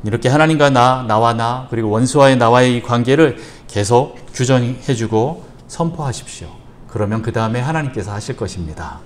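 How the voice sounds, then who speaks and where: A man's voice: mid-range voice, a little fast, a little hiss or hum. A male pastor preaching an evening church sermon, repeating short instructions and having the congregation recite after him.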